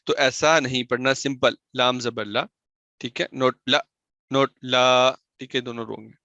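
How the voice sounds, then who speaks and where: A man's voice: medium pitch, steady tone, sharp tone, no echo, muffled recording. A man teaching Quran recitation in a recorded lesson, explaining patiently, asking questions and answering them himself, and sounding out example syllables.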